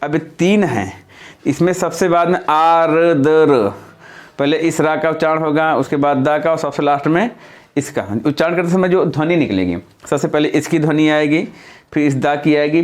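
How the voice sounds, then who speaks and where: A man's voice: fairly high pitch, moderate pace. A man with a slightly raised voice gives a lesson. He works through each point patiently, repeating key ideas. He thinks aloud and corrects himself mid-sentence. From India. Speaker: teacher. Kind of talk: classroom-style lesson.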